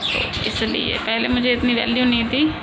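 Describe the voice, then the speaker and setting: In a home vlog recorded at her city home, a woman in her thirties who grew up in a village in rural India chats and rambles casually. Her voice is on the high side with a flat delivery, moderate pace and some vocal fry, while loud traffic noise fills the background.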